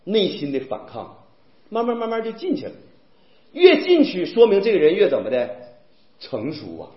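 Male preacher, high and very lively delivery, rhetorical questions, echoey muffled room. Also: normal speed. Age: young adult. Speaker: pastor. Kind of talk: sermon.

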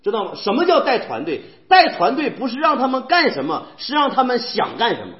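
A man preaching a sermon in a church, animated and firing rhetorical questions at the congregation. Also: very high voice, brisk. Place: church hall. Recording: echoey, dull church hall recording.

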